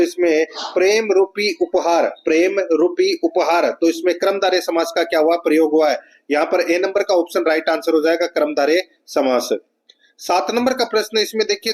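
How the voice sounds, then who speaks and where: A man with a Rajasthani Hindi accent teaching an exam prep lesson, reading out each question and explaining the answer, often calling his viewers friends. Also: sits high. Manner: repetitive, keeps addressing viewers as friends.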